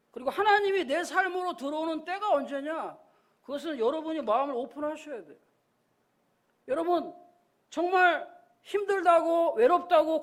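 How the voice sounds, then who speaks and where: A man's voice: very high-pitched, fairly bright tone. A male pastor giving a Sunday sermon, telling a story and acting out the voices in it.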